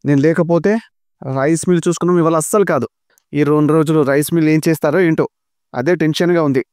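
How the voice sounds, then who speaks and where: A man voicing a calm, firm elder brother who gives instructions. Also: a little high, fast talker, no room sound, clean studio sound, natural voice.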